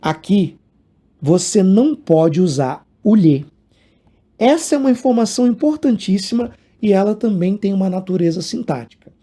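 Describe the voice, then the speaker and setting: A man's voice: high voice, animated, normal speed, warm tone. A man teaching grammar in a casual video lesson, explaining with examples and asking the viewer questions.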